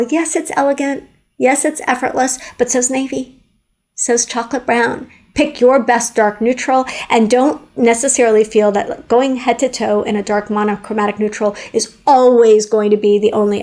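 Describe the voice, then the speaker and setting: Chatty woman in her 40s, pretty high voice, frank opinions, repeats herself for emphasis. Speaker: fashion vlogger. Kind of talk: opinionated style advice to camera.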